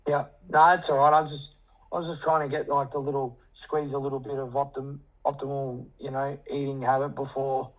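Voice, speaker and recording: A man's voice: medium pitch, little pitch movement, a little fast, rough recording. A man chatting casually in a rambling, slangy, sweary way. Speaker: coaching client. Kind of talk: casual chat.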